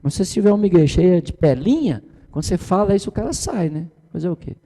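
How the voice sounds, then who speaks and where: A man's voice: high-pitched, lively intonation, quick pace, mellow. Middle-aged man teaching with long reverb. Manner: conversational, tag questions, mimics the people he quotes. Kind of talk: informal church teaching.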